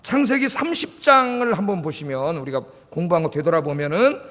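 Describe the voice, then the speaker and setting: A male pastor preaching a sermon, telling the story with lively acted-out quotes. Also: on the high side, a little fast. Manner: animated storytelling, acts out quoted lines. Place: church sanctuary. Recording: reverberant church hall.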